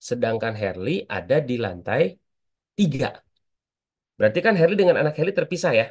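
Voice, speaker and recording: A man's voice: mid-range voice, sing-song, fairly quick, darkish tone. A man teaching an online public speaking class, chatty and constantly asking his students for answers.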